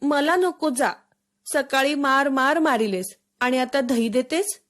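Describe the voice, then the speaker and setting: A woman's voice: sits high, lively intonation, slow, voice pushed up. A woman voicing a frightened, stubborn young boy in a storybook reading, pleading and whiny. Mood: sulky.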